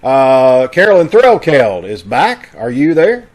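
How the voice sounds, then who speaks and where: A man of medium pitch speaks slowly, his pitch swooping wildly, while a noisy crowd sounds behind him. He's the casual host of a live online radio-troupe broadcast on a video call, delivering announcements with a folksy, chatty ease.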